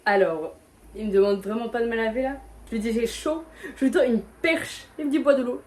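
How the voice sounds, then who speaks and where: A young woman vlogging casually, chatty and self-mocking, quick to exclaim. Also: a little high, a little mellow, slight background noise. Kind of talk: casual vlog chat.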